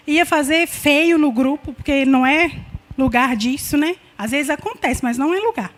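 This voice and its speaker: A woman with a Brazilian Portuguese accent preaching a sermon in an earnest, conversational way, often repeating herself. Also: sits high.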